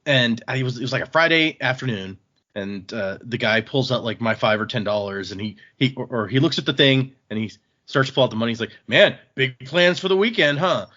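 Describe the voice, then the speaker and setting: With an expressive, bright and forceful mid-range voice, a man recaps a novel fairly quickly on his casual book podcast. He keeps it conversational, loosely voicing characters and swearing at times. The recording has its highs cut off.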